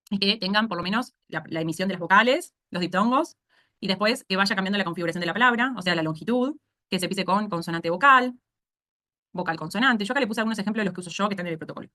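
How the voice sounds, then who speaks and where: Rioplatense woman, speech therapy instructor, rapid explanatory lecture style with frequent check-ins. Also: mid-range voice, pushed and bright. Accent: Rioplatense Spanish. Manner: explanatory, asks "¿sí?" to check understanding. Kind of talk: online course lecture.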